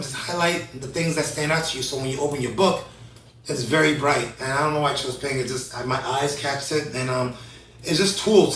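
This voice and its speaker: A man in his thirties hosting a casual talk show, energetic and rambling, often restarting his sentences. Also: on the high side, echoey room, far from the mic, rough recording. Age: 30s. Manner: energetic, rambling, self-correcting. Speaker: host.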